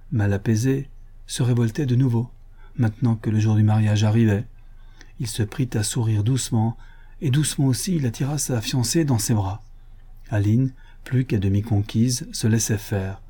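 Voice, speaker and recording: Mellow husky male storyteller. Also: medium pitch, normal speed. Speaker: audiobook reader. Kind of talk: literary narration.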